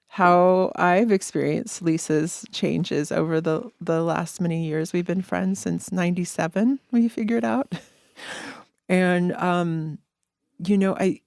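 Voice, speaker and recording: A woman's voice: low voice, gravelly, no room sound, clean studio sound. A woman who is a friend of the guest, sharing earnest, reflective thoughts in a podcast interview and sometimes searching for her words.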